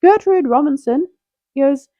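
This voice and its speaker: A young woman hosting a casual, rambling tier list video, playful and quick to interrupt herself with jokes. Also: high-pitched, expressive, dark tone, no room sound, dull audio. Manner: playful, self-interrupting, jokey.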